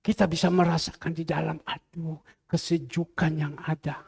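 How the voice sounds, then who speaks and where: Fervent gravelly preacher man. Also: on the high side, little pitch movement, normal speed, in a large hall. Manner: fervent, loud swings and repeated cries. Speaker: pastor. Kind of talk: sermon.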